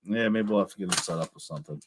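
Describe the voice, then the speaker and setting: A man hosting a casual live stream who is losing his voice. He reads viewer comments aloud and pauses often with ums. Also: deep voice, slight background noise.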